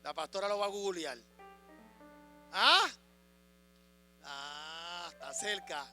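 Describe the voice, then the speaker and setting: A man preaching a sermon as a pastor, swinging between loud proclamation and quiet asides, asking the congregation questions. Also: a little high, takes it slowly. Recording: music and mains hum behind.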